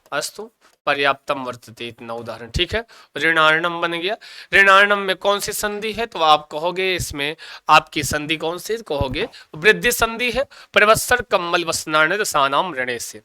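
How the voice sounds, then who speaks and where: A man's voice: sits high, pushed and bright, clean tone, no room sound. A man teaching Sanskrit grammar in an exam coaching lecture, asking questions and answering them himself, with much repetition. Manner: asks and answers his own questions, repeating answers; calls students "bhaiya" and "ji".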